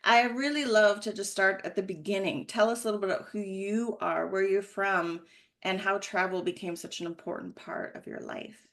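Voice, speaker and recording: A woman's voice: mid-range voice, fairly even intonation, normal speed, a bit bright. Effusive woman interview host. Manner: effusive, enthusiastic. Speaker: podcast host. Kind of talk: interview hosting.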